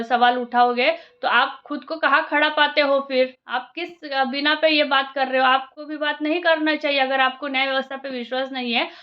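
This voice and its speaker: A woman's voice: sits high, lo-fi sound. A woman vlogger giving a heated, scolding reaction, firing off rhetorical questions and slipping in English phrases.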